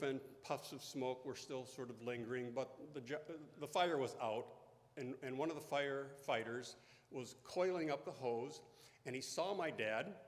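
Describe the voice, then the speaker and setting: Slow-speaking man telling a story in church. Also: mid-range voice. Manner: slow, deliberate storytelling, hushed at emotional points. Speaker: pastor. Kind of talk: sermon storytelling. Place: church sanctuary. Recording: echoey church hall.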